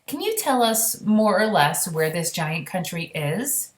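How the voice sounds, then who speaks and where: Woman as a composed storybook queen, lifted pitch. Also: very animated, measured pace. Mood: polite inquiry. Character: gracious, composed queen, tactful and commanding. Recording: roomy, echoey sound.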